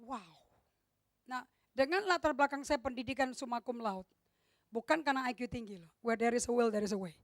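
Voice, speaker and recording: A woman's voice: a little high, fairly quick, no echo, studio quality. A middle-aged woman pastor, preaching a sermon in an emphatic way and slipping English phrases into her talk. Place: church hall.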